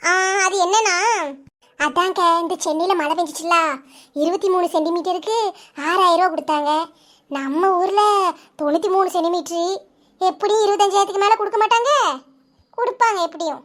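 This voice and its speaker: A woman's voice: extremely high pitch, a little fast, pauses often, fairly bright tone. A woman doing a fretful, dramatic housewife. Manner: fussy, exclaiming. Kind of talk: cartoon voice acting.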